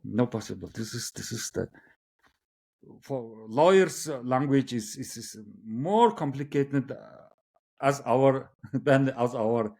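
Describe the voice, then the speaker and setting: A man with a Mongolian accent, a native Mongolian speaker, talking casually and giving opinions in halting English, often repeating words for emphasis. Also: mid-range voice, creaky, a little mellow. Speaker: interview guest.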